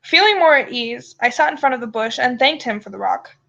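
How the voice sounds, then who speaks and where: A woman's voice: high voice, expressive, a little fast, creaky, bright, forceful tone. A woman storyteller reading a first-person tale aloud on a dull, lo-fi microphone. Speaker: storyteller and show host.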